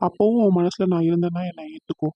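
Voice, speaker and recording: A man's voice: high voice, fast talker, no room sound, highs cut off. A man voicing an earnest, tender young man in a cartoon.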